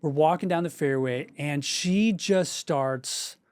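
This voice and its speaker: Man with a higher voice, emphatic storytelling. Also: slow pace, smooth, no room sound. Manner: animated, emphatic storyteller who swears freely. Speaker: podcast co-host; golf parent. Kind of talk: casual storytelling chat.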